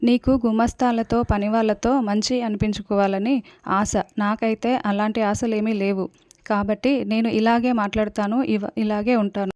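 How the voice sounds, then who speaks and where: A woman's voice: mid-range voice, flat delivery, normal speed, no room sound, studio quality, close to an everyday voice. Woman reading as a defiant young woman. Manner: sharp, defiant retorts.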